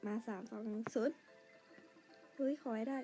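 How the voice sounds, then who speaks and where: A woman chatting quietly through her game, pleading for lucky draws and gushing over outfits. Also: fairly high pitch, normal speed, soft background music. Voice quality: quiet, soft-spoken. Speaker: gamer narrating her play. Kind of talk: casual game commentary.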